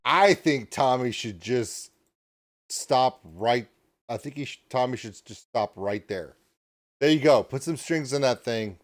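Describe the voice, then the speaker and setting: A man hosting a reaction video, talking in a rambling, excitable way and joking at his own expense. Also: mid-range voice, a little slow. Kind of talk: reaction commentary.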